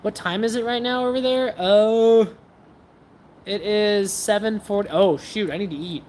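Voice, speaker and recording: A woman's voice: mid-range voice, unhurried, a little mellow, a little hiss or hum. A woman hosting a casual livestream, chatting with viewers in a scattered, self-interrupting way as she shows her practice swords.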